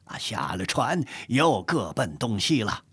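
A man voicing an old man calming a quarrel in a slow, placating way. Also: medium pitch, breathy edge, dry recording, full character voice. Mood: soothing. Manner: placating, drawn-out.

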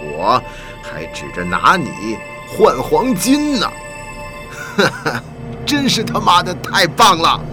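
A man's voice: fairly high pitch, big pitch swings, takes it slowly, voice pushed up, full character voice. A man voicing a sneering, greedy kidnapper who mocks his captive with jeering laughs, over background music. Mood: gloating.

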